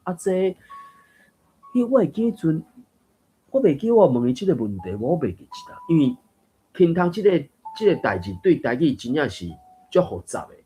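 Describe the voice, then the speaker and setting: A man's voice: fairly high pitch, big pitch swings, normal speed, long pauses, mellow, slight background noise. Musing man in a Taiwanese language chat. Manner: thoughtful, musing, with fillers and laughs. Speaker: reading group host. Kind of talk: casual discussion of Taiwanese texts.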